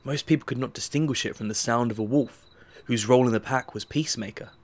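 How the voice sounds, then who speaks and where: A man narrating an audiobook drama in a measured, even storytelling manner. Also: medium pitch, slight background noise.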